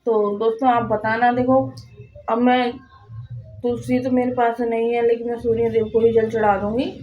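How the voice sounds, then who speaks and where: A young woman with a hoarse, sore-throated voice chatting casually to her viewers at home, rambling with restarts. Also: fairly high pitch, little pitch movement, normal speed, muffled recording, a little hiss or hum. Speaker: vlogger. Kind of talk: casual vlog chat to viewers. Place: home, indoors.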